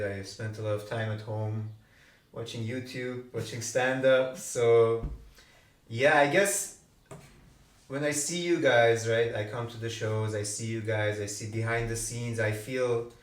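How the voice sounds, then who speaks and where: Picked up by a room mic some distance away, the audio sounds roomy as an Iranian guest comedian chats casually on a podcast. He's laid-back and self-deprecating, full of "like" and "right?", speaking unhurriedly in a steady, mid-range voice.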